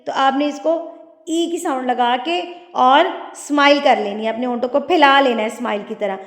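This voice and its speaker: A woman teaching Quran recitation rules, patiently explaining each point. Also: high-pitched. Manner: explains patiently, then recites slowly and drawn out. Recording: echoey room with long reverb.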